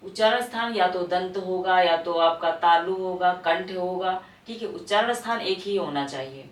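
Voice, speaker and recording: Distant woman teacher in an echoey room. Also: fairly low pitch. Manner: explanatory, repeats key definitions and asks rhetorical questions; recites example verses slowly. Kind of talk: exam-prep Hindi grammar lesson. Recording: distant mic in an echoey room with faint noise.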